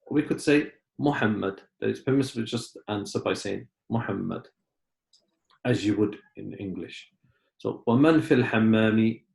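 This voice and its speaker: A man's voice: fairly low pitch, creaky, darkish tone, reverberant. A man teaching an Arabic lesson, patiently explaining in English and Arabic. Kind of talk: online language lesson.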